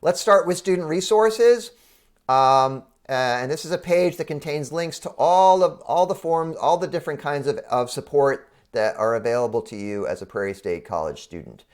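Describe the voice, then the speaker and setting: A man with a congested, frog-in-the-throat voice, under the weather, explaining an online course as a college professor in an informal, halting way. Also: on the high side. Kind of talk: explanatory screen-share walkthrough for online students.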